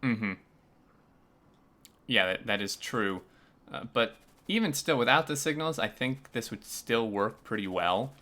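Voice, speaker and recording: A man's voice: mid-range voice, animated, measured pace, bright, forceful tone. A man hosting a casual video game review, talking with many filler sounds. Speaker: host. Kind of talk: casual gameplay review chat.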